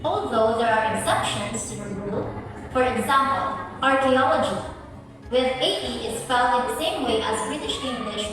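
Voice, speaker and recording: A woman's voice: fairly high pitch, heavy reverb, in a large hall, distant mic, rough recording. A woman giving a class presentation, reading out spelling rules and spelling words letter by letter. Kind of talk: read-aloud class presentation.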